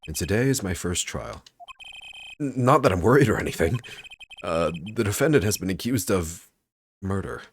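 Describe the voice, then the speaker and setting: A man's voice: low-pitched, animated, normal speed, a little hiss or hum. Man putting on a jittery young rookie lawyer. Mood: nervous. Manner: jittery, insists he is fine, strained shouting. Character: nervous young male rookie defense attorney. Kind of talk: reading game dialogue aloud. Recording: game music playing behind.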